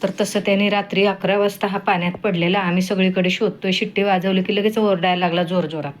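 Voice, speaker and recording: A woman's voice: medium pitch, steady tone, fast talker, noisy background. A middle-aged woman chatting at home on her vlog, telling viewers a family story in a homely, direct way. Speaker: pet vlogger.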